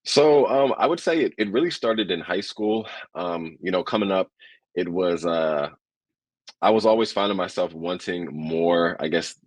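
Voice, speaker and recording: A young adult man from southern New Jersey, talking in a relaxed way as a podcast guest, with frequent ums. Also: sits low, normal speed, no echo. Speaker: podcast guest, business co-founder. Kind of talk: casual interview chat.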